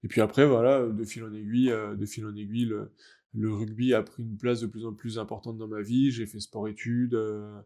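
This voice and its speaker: A young adult French man, a guest athlete in a casual interview, talking in a halting, reflective way as he searches for words. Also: on the low side, flat delivery, dark tone. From France. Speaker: guest, wheelchair rugby athlete.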